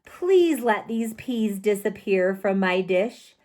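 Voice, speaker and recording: A woman storyteller reading a rhyming children's picture book aloud with slow, expressive sing-song rhythm. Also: medium pitch.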